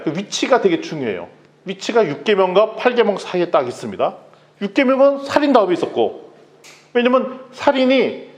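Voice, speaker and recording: A man preaching a sermon as pastor, telling stories and acting out quoted dialogue. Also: sits high. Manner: lively storytelling, acts out quoted dialogue.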